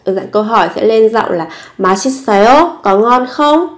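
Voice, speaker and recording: A woman's voice: on the high side, expressive, brisk. A woman teaching a language lesson, patiently repeating each phrase and explaining it step by step. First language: Vietnamese.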